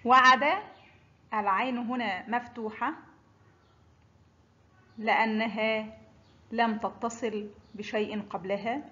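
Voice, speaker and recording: Slow, deliberate woman teaching Arabic letters. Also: fairly high pitch, fairly even intonation, muffled recording. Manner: pronounces each letter and example word slowly and distinctly. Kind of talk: slow, deliberate pronunciation lesson.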